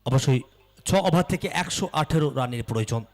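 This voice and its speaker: A man with a medium-pitched voice makes live announcements at a cricket match. His delivery is loud and projected. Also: expressive, fairly quick.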